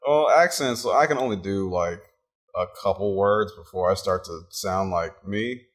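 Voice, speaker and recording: A man's voice: low voice, a little slow. A young man co-hosting a podcast, chatting casually with dry, wry replies. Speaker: podcast co-host. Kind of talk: casual chat.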